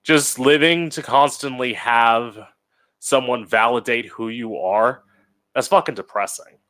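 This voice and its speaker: A man hosting an opinion show as a campy drag queen, blunt and opinionated, with drawn-out emphatic phrasing. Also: medium pitch, fairly bright tone. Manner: blunt, opinionated, swears freely. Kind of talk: opinion monologue.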